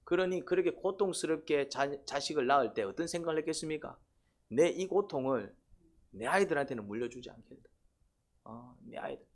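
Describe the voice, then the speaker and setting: A man's voice: a little high, expressive, brisk, darkish tone. A man preaching a sermon, constantly prompting the congregation with questions and short "eh?" calls. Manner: quizzes the congregation, repeated "eh?" prompts. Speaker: pastor.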